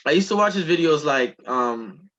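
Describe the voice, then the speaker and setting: A man's voice: a little high, lively intonation, normal speed, a bit bright, highs cut off. A man co-hosting a casual podcast chat, who laughs often while he retells funny videos. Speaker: podcast co-host.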